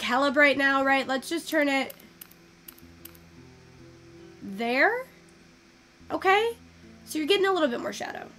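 A young woman chatting casually through a photo-editing tutorial, thinking out loud and swearing now and then. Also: sits high, slight background noise. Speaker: virtual photography streamer.

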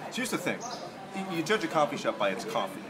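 Fast-talking man in his forties, dry humor, opinionated, cafe crowd around him. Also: fairly high pitch, very animated. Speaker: co-host. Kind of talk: casual chat. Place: busy cafe patio. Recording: crowd chatter behind.

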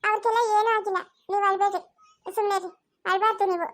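A woman acting as a stern village priest who presses a grieving elder with pointed questions, speaking in a rural Karnataka accent. The delivery is very high and rapid, firm and insistent. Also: steady tone, fairly bright tone. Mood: consoling. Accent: Karnataka rural Kannada. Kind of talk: amateur family drama acting.

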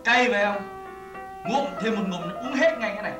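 A man's voice: high voice, lively intonation, fairly quick, echoey room, recorded from a distance, music in the background. A man acting in a stage comedy sketch, boastful and coaxing as he pushes his friend to be brave.

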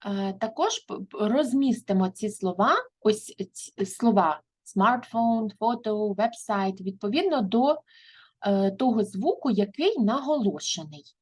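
A woman's voice: medium pitch, expressive, a little mellow, slightly rough, low-quality recording. A woman English teacher, explaining a textbook lesson and translating each step. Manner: switches between slow English and quick translations.

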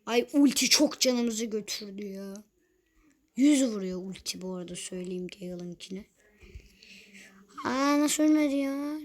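A woman's voice: a little high, lively intonation, measured pace, pauses often, a little mellow. A young woman talking casually over her own gameplay, chatty and easily exasperated, with teasing asides. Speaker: gaming youtuber.

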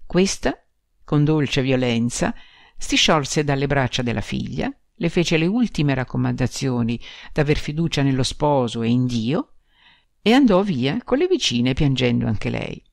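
Expressive woman narrating a classic story. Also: a bass voice, measured pace, vocal fry, dry recording, studio quality. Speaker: audiobook narrator. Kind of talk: literary audiobook narration.

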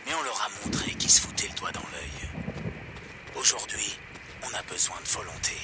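Un comédien doublant, pour un jeu vidéo, un homme amer qui prêche sa rancœur contre le gouvernement dans une émission de radio pirate, d'un ton méprisant et moqueur. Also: male voice, lowish voice, big pitch swings, normal speed, heavy background noise. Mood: scornful ranting. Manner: scornful, preaching, mocking. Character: bitter anti-government man ranting on pirate radio. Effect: pirate radio broadcast heard over a radio. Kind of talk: video game dub.

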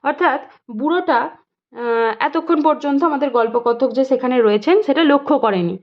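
A woman's voice: high voice, moderate pace. A woman tutor with a Bengali accent, reading a story aloud to students and explaining each passage in plain words. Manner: reads story lines aloud, then explains them plainly. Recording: dull lo-fi sound.

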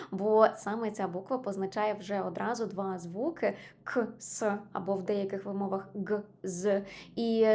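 A woman's voice: mid-range voice, darkish tone. A woman teaching an online English lesson, patiently explaining spelling rules and stressing each example word.

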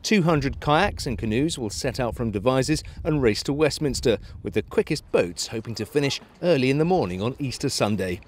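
A male news reporter giving a scripted voice-over in a measured, even delivery. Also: mid-range voice.

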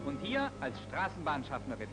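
A man's voice: fairly high pitch, wildly swooping pitch, moderate pace, poor audio. A man narrating a 1939 newsreel in a solemn, declamatory manner. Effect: old newsreel narration. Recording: old newsreel soundtrack over loud music.

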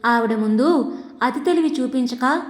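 A woman's voice: sits high, measured pace. Woman doing a weary, impatient husband, echoey. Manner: impatient, lecturing. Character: weary middle-aged husband, irritated but reasoning. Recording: echoey room with long reverb.

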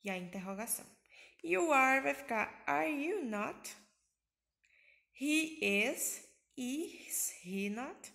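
A woman's voice: sits high, expressive, slow pace, gravelly, long pauses, pushed and bright. A woman from Brazil with a Bahia accent, teaching an English grammar lesson in Portuguese, patiently repeating and translating each example.

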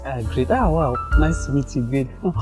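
Man doing a nervous giggling suitor, Nigerian English accent, middle pitch, music behind. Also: expressive, normal speed. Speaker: young suitor in comedy skit. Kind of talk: comedy skit acting.

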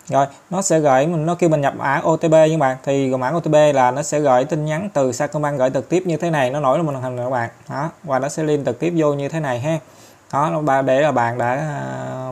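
A man's voice: medium pitch, darkish tone. Chatty Southern Vietnamese man guiding an app setup. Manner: chatty, step-by-step, many fillers and tag particles. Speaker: tutorial host. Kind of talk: screen-recorded app tutorial.

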